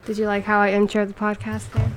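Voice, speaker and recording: A woman's voice: medium pitch, completely flat delivery, fast talker, music in the background, rough recording. A woman co-hosting a casual podcast, teasing and correcting her co-host.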